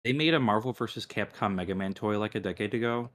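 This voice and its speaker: A man co-hosting a casual live-stream chat, rambling and restarting his sentences, often trailing off quietly. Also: on the low side, fast. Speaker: co-host.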